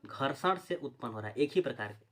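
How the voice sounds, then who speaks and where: A man's voice: medium pitch, animated, fast talker, fairly bright tone. A man teaching a Hindi phonetics lesson for exam preparation, repeating terms and asking the viewer questions before answering them. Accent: Chhattisgarhi Hindi.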